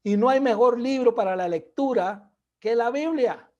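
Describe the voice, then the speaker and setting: A man with a high voice delivers a sermon in an earnest, exhorting way. He speaks straight to his listeners and calls them brothers. On asides he drops to a soft, low voice. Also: moderate pace, highs cut off. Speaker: preacher.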